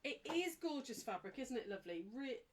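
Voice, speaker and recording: Demonstrating live to her viewers, a sewing teacher chats and apologizes through a casual craft tutorial despite a blocked, snuffly nose. Her high voice is very animated and brisk, with a little hiss or hum in the audio.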